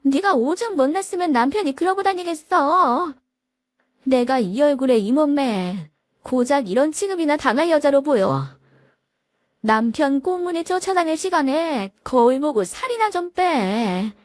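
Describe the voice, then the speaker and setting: A woman voicing a jealous young mistress who shrieks in a shrill voice. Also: animated, unhurried, no echo, clean studio sound. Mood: screaming.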